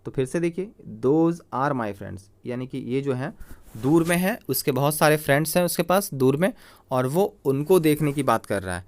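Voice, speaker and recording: A man's voice: on the high side, animated, normal speed, darkish tone. A male grammar teacher giving a classroom-style lecture over slides, asking himself questions and answering them, repeating key terms and checking that students follow. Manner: checks understanding with frequent "clear?" prompts.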